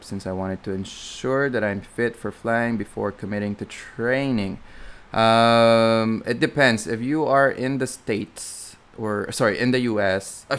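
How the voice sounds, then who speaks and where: Clear and resonant, his fairly low voice belongs to a young flight instructor from the Philippines with a Filipino accent. On a live Q&A stream he rambles chattily, often correcting himself and using many fillers.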